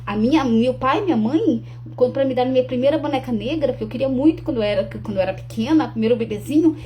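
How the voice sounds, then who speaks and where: High-pitched, quick and mellow, this young Brazilian woman from Rio Grande do Sul speaks earnestly to camera while promoting her talk. She restarts often and tacks on tag questions, with a little hiss or hum in the background.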